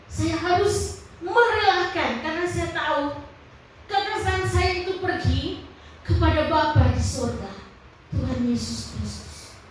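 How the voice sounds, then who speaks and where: A woman pastor with a Manado accent preaching a sermon, emotional and testimony-driven, with sudden high emphatic rises. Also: a little hiss or hum. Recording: very echoey hall, from far off.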